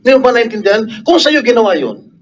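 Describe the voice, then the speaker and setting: Heated high-voiced man accusing a witness. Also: big pitch swings, fast, slight background noise, poor audio. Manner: heated, accusing, repeats questions. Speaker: senator at a hearing. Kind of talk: angry questioning at a public hearing.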